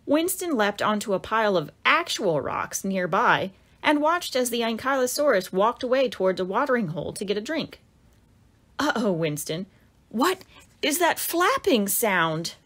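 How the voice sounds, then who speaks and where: Reading her own picture book to children, this woman uses lively storybook narration punctuated by dramatic exclamations. Her pitch is fairly high and her pace moderate.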